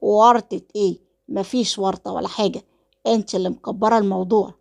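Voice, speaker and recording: A woman's voice: medium pitch, steady tone, fast talker, gravelly, a little mellow, natural voice. A woman voicing a cold, manipulative husband with an Egyptian accent, talking in a cool, dismissive way. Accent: Egyptian Arabic.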